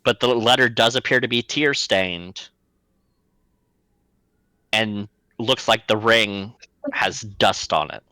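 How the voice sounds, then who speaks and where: A man acting as game master, narrating and explaining rules clearly. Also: fairly low pitch, slow pace, long pauses, pushed and bright, dry recording, poor audio.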